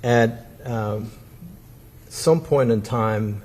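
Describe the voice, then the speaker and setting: A man examining a witness as a defense attorney in court, with halting, deliberate questions and a husky voice. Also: mid-range voice, a little mellow.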